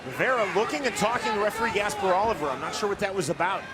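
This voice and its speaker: High-voiced male fight commentator over roaring crowd. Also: lively intonation, rapid-fire. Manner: clipped, announcer-like phrases. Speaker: play-by-play commentator. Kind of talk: live MMA fight commentary. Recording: loud arena crowd.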